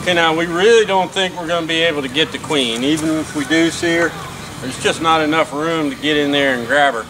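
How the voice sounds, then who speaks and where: A man, a beekeeper casually explaining a bee removal outdoors in a relaxed, plain-spoken way with many fillers. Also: on the high side, a little fast. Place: outdoors beside a house wall. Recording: outdoor noise in the background.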